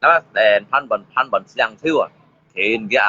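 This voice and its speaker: Animated bantering man, muffled recording. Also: fairly low pitch, normal speed, breathy edge. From Indonesia. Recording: slightly muffled with faint ambience.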